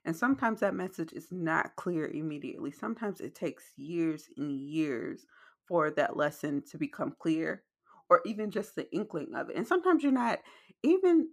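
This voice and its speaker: A woman's voice: deep voice, normal speed. A woman hosting a reflective podcast conversation, speaking emphatically and repeating phrases for stress, with wet mouth clicks as she talks. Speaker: podcast host.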